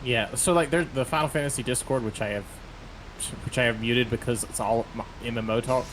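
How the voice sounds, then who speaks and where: A man's voice: medium pitch, fairly quick, noisy background. A man making casual conversation with friends about games. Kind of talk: casual chat among friends over gaming. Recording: very loud music behind the voice. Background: music.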